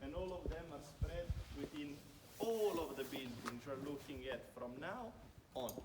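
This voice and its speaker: The voice is fairly high, animated and unhurried: a young Italian man with an Italian accent, guiding a group around a winery outdoors on a stone village street and chatting away with repeated "very"s. Recorded by a phone camera within the crowd, the sound is distant and swamped by outdoor noise.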